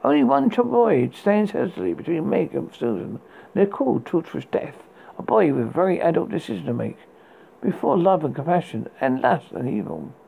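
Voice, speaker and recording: A performer playing a spooky horror host, reading recommendations in a husky, gravelly voice with a halting, stumbling delivery. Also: mid-range voice, very animated, mellow, slight background noise, low-quality recording. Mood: ominous. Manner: halting read with stumbles and repeated words. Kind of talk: scripted horror book and film recommendations read as a horror host.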